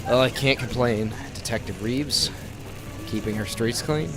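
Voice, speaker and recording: A man's voice: mid-range voice, a little slow, close to an everyday voice. Man acting the Ferryman, theatrical radio vigilante over music. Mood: affable, probing. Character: young masked vigilante, grave, menacing, posing as affable bartender. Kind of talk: 1920s old-time radio drama acting. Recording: loud music under the voice.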